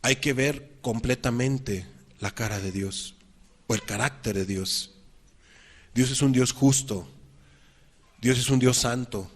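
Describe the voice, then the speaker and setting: A man preaching a sermon, asking the congregation rhetorical questions and reading scripture with emphasis. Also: mid-range voice. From Mexico.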